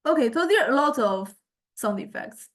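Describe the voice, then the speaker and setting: This informal recorded software lesson features an animated female music technology instructor with a fairly high voice. She explains things tentatively and haltingly, thinking aloud as she demonstrates for the class.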